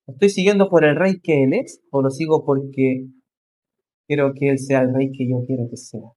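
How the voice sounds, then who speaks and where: A male pastor preaching a sermon, rising into emphatic questions and slowing to stress key phrases. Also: medium pitch, fairly even intonation, a little mellow.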